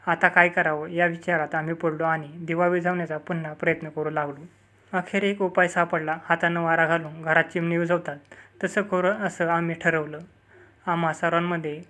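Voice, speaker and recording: A man reading a first-person story aloud as scripted narration, at a steady, even pace. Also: a little high.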